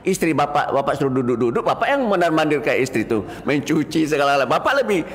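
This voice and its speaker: An older Indonesian man gives a lively after-dawn mosque sermon, telling stories and acting out the voices he quotes. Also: a little high, fast. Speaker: preacher. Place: mosque hall. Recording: reverberant mosque hall, faint noise.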